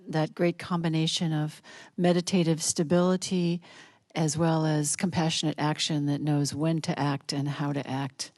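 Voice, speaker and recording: A woman musician calmly introducing a song, gentle and reflective, softly trailing off. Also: on the low side, dry recording. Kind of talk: calm spoken song introduction.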